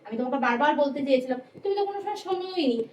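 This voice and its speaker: A woman playing a bold, self-assured new bride who talks brashly and fast, in a comedy skit. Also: sits high, animated, darkish tone, slight background noise, low-quality recording. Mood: defiant.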